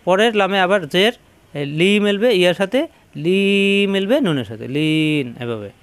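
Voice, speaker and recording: A man's voice: sits high, clean tone, no room sound. Man teaching Quran tajweed syllable by syllable. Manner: spells each syllable, then recites the verse in a drawn-out chant. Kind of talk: slow letter-by-letter tajweed lesson.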